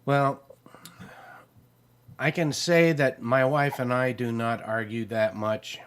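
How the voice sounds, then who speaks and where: A middle-aged man hosting a relaxed live chat show. He rambles along in an easygoing way, full of fillers, and drops dry jokes about himself. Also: mid-range voice, takes it slowly, smooth. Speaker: show host. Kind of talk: casual chat.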